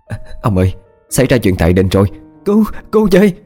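A man's voice: lowish voice, animated, fairly quick, a little mellow, faint music behind. A man voicing a frantic middle-aged wealthy wife who talks in a panicked, tearful rush.

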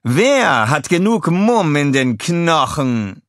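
Man putting on a shrill theatrical villainess. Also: sing-song, fairly bright tone, dry recording, clean studio sound, heavily acted. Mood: challenging. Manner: theatrical, exclaiming, drawn-out. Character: flamboyant glamorous female villain boss.

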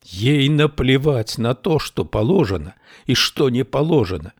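A man's voice: expressive, a little slow, a bit bright, no room sound, studio quality. A man putting on a distraught young woman, tearful. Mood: grieving. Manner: high tearful pleading voice.

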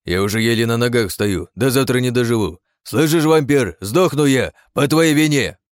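A man's voice: medium pitch, a little fast, clear, resonant tone, no room sound, clean studio sound, pitched above the performer's own voice, close to an everyday voice. A man voicing an exhausted, grumbling companion in a fantasy audiobook, complaining in a raised, whiny voice.

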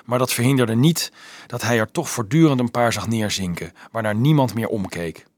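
A man narrating a novel aloud as an audiobook reader, in an expressive storytelling manner. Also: medium pitch, normal speed, no room sound.

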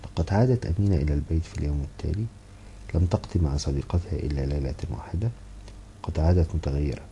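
A man reading a sorrowful confiding sister, very deep. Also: fast talker, dark tone, slight background noise. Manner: sad, confiding storytelling.

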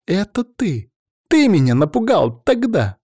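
A man doing a young woman who flares up fast, her voice lifted well above his own and jumping into sharp exclamations. Her lines are read by a dark-toned male reader in a dry audiobook recording. The voice stays high and agitated. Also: very animated, breathy edge, no room sound, heavily acted. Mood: accusing. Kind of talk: audiobook character voice.

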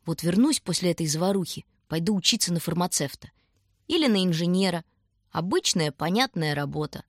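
A woman's voice: fairly low pitch, expressive, a little fast, dry recording, studio quality. A woman voicing a cheerful, self-deprecating young male recruit who talks in a good-natured, reassuring way.

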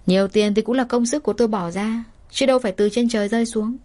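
A woman's voice: fairly high pitch, steady tone, fast, warm tone, natural voice. A woman voicing a stubborn, joking young man in her own plain voice. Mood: teasing. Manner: flippant, joking.

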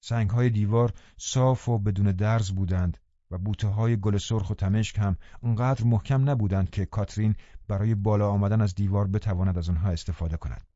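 Man, audiobook narration, calm, measured, mellow, muffled dry recording. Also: lowish voice, no echo. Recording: dull dry studio recording.

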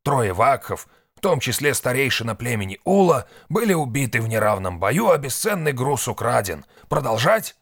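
A man's voice: mid-range voice, big pitch swings, normal speed, hardly any pauses, fairly bright tone, breathy edge, dry recording, studio quality, pitched above the performer's own voice, full character voice. A man voicing a shrewd, weary old man who speaks grimly and curtly. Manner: grim, curt.

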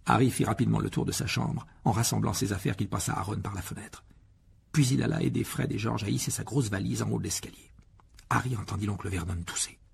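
A man narrating an audiobook in an expressive reading style. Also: fairly low pitch, fast talker, creaky, slightly rough. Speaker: audiobook reader.

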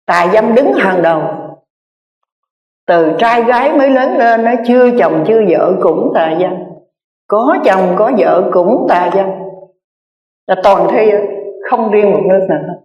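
A woman's voice: medium pitch, expressive, a little slow, highs cut off. A Buddhist nun giving an earnest dharma talk, repeating key phrases and addressing her listeners directly. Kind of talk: sermon. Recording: echoey reverberant hall.

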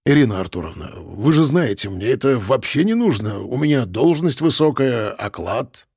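A male narrator voicing a timid, fawning middle-aged official who speaks nervously and slowly. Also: mid-range voice, lively intonation, darkish tone, slightly rough, no room sound, clean studio sound. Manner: nervous, ingratiating, slow.

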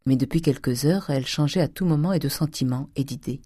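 Female audiobook narrator, low and mellow, measured delivery, dry close mic. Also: breathy edge, dry recording. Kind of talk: scripted narration of a classic novel.

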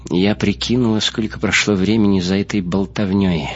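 A man with a husky, fairly low voice reads first-person audiobook narration in a measured way. The recording is muffled and lo-fi. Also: steady tone. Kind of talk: scripted narration.

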